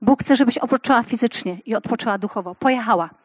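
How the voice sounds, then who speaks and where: A woman in her fifties preaching a passionate sermon to women, swinging from loud exclamations to hushed storytelling. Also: on the high side, fast talker, no room sound.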